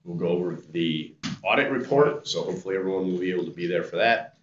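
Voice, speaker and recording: Very deep-voiced man chairing a meeting. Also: expressive. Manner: halting, many fillers and restarts. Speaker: committee chair. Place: large meeting room. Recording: roomy, dull, faint noise.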